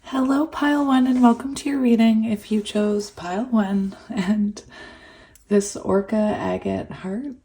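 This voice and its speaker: A woman who has nearly lost her voice to a cold gives a tarot reading in a hoarse, mid-range voice with a dark tone, never hurrying. Her talk is chatty and loose, punctuated by frequent laughter and fillers as she trails off.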